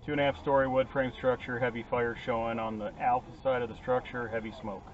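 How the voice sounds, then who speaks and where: A man's voice: medium pitch, level tone, fast talker. A man as fire chief giving an urgent, clipped scene report over two-way radio. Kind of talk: urgent firefighter radio size-up. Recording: very noisy, distant, muffled radio transmission.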